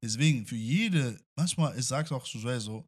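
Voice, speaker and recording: Man, french accent, podcast host, reflective casual chat, mid pitch. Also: lively intonation, moderate pace, breathy edge. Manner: reflective, many fillers like "weißt du".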